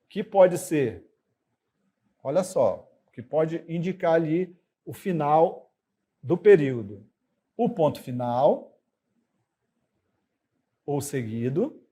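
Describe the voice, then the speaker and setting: Brazilian male teacher, fairly high mellow voice, patient explainer who pauses on fillers and checks in with "ok?". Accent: Brazilian Portuguese. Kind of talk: recorded classroom lesson.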